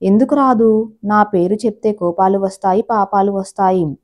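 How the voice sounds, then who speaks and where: A woman's voice: mid-range voice, steady tone, moderate pace, a little mellow, close to an everyday voice. A woman voicing an aggrieved middle-aged housewife who complains in a hurt, indignant way. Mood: bitter.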